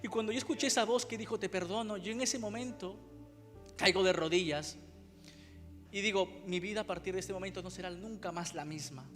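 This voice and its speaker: A man's voice: sits high, fairly quick, fairly bright tone, long reverb tail, soft background music. A man with a Spain Spanish accent preaching a testimony, emotional and repeating his phrases as he reenacts his own cries. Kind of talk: sermon testimony. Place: church.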